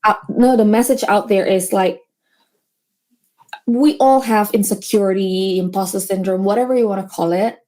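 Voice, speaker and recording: A woman who owns a business speaks earnestly and motivationally as a guest in a casual interview chat, her grammar slightly non-native with small slips. Her voice is mid-range and warm, at a normal speed.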